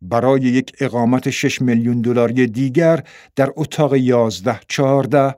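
A man reading a story aloud in a steady, even storytelling manner. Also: mid-range voice, dry recording, studio quality. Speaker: narrator. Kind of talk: audiobook narration.

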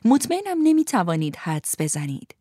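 A woman narrating a storybook aloud, gently and expressively, speaking to young listeners. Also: on the low side, sing-song, no echo, studio quality. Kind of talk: storybook reading.

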